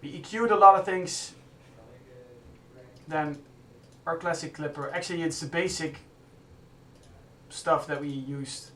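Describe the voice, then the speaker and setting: A man with a slightly raised voice hosts a casual live stream from a music studio, thinking aloud as he works on a track. He talks in halting bursts and restarts his sentences. His voice carries a roomy echo, picked up from some distance with faint ambient noise behind it. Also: fairly high pitch, a bit bright.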